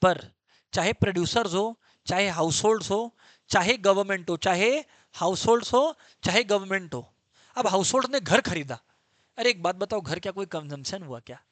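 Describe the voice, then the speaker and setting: A man's voice: sits high, animated, normal speed, fairly bright tone, no echo. A man teaching an exam-prep lecture, emphatic and drilling terms over and over. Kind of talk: online lecture.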